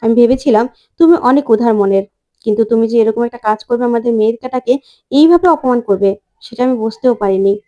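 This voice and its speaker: Grave older uncle, played by a woman narrator, quiet, self-blaming. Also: on the high side, fast talker, muffled recording, close to an everyday voice.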